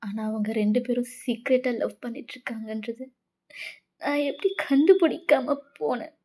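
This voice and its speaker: A woman's voice: on the high side, moderate pace, darkish tone. Woman voicing a heartbroken young woman, tearful. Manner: tearful, pleading, accusing. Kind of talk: fan fiction voice-over.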